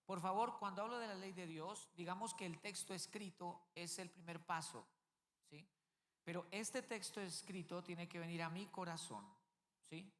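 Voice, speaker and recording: A man's voice: high voice, normal speed, a bit bright. Man, pastor, sermon, emphatic, repeats key words, church hall, long reverb.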